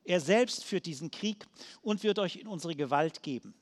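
A man reading the words of young David, bold and defiant, in a slow declamatory way. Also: on the high side, expressive, big-room sound.

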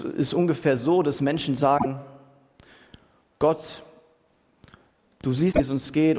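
Young male preacher with a casual, slangy delivery, slightly high voice, heard in a hall with long reverb. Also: darkish tone. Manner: casual, youthful slang, asks "Ja?" often. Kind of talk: sermon.

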